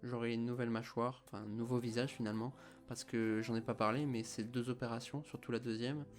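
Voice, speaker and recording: A man's voice: mid-range voice, little pitch movement, brisk. A man in his early twenties from France, with a French accent, explaining things in a personal vlog with a slight slushy lisp on his s sounds and slightly mumbled words. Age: early 20s. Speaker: vlogger telling of his own treatment. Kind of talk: explanatory vlog talk to camera. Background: music.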